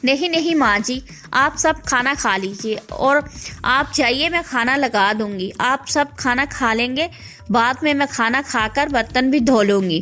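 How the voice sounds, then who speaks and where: A woman voicing a suspicious, sharp-tongued young bride in an animated story, talking in an accusing way. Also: high-pitched, measured pace.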